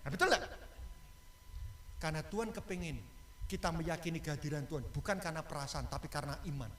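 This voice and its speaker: A male pastor, preaching a lively sermon and joking with the congregation and asking them questions. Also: fairly high pitch, fast, a little hiss or hum. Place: church. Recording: echoey church hall.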